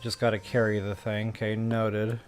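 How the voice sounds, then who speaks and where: A man giving casual gameplay commentary, muttering to himself in a low-key way. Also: little pitch movement, moderate pace, faint music behind. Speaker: gamer.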